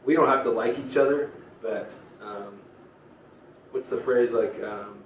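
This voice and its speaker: A man voicing a scheming male crime boss who rallies a gang of thugs in a subdued, low-key tone. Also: fairly even intonation, normal speed, lightly acted. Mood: rallying. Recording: roomy, distant, noisy home recording.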